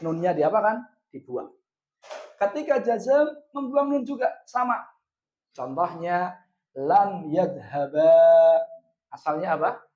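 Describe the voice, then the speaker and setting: A man with an Indonesian accent teaching a grammar lesson, asking questions and answering them himself, and drawing out the example words slowly. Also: sits high, sing-song. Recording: echoey room, dull lo-fi sound.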